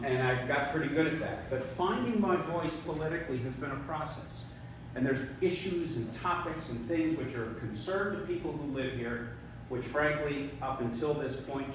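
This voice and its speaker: This is a man in his fifties from northern New York, running for Congress and giving a folksy, conversational campaign speech full of fillers and repeated words. His voice sits in the mid range over a noisy background. The recording was made from far off in an echoey room.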